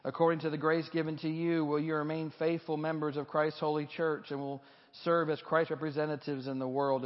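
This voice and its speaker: Man leading liturgy with cathedral echo. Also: on the high side. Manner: measured, formal liturgical reading. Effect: long cathedral-like church echo. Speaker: pastor. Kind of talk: reading a baptismal liturgy. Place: large church sanctuary. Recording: dull, reverberant church recording.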